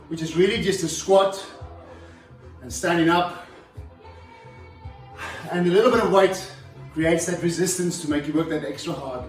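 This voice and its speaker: High-voiced man coaching a workout. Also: distant mic. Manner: instructive, demonstrating while talking. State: out of breath at times. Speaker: fitness trainer. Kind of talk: home workout instruction. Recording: echoey room, voice from afar.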